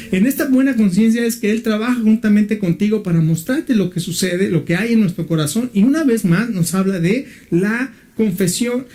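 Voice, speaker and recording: Pastor preaching, high pitched. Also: male voice, dark tone. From Mexico. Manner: asks the listeners questions, uses fillers like "este". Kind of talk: sermon.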